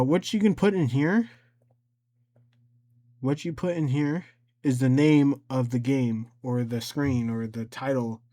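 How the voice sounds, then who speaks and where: A tutorial host, male, walks through some software in a loose, unscripted way, thinking out loud. His voice sits in the mid range, and he stumbles, repeats himself and fixes his wording as he goes.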